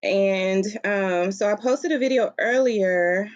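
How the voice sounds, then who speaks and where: Speaking slowly in a medium pitch, this Southern-accented woman hosts an informal livestream and writes books, keeping her talk casual and playful. She sits on a beanbag in a room at home. The sound is lo-fi, captured only by her laptop's built-in microphone with nothing plugged in.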